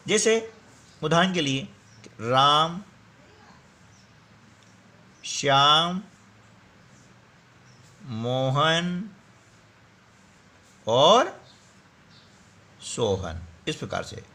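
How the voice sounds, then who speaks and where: A man's voice: a little high, bright, forceful tone. A man teaching a workbook lesson, explaining step by step and often checking in with his students.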